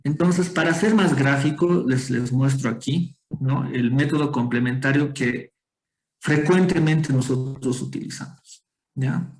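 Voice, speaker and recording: A man's voice: mid-range voice, unhurried, rough recording. A man teaching a medical class online, explaining step by step and calling on students with questions. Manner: explanatory, quizzes students, frequent tag questions. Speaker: medical lecturer.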